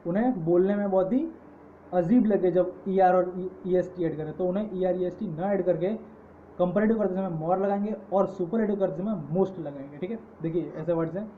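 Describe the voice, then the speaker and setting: A man teaching English grammar in an online lecture, patiently listing word forms. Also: high-pitched. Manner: slow, patient, repeating word forms in lists. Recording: tinny phone-like audio with faint hiss.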